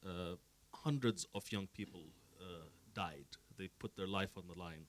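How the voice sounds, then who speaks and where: Deep, earnest man from the Emirates. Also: a little slow. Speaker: panel guest, activist. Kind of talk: panel discussion answer.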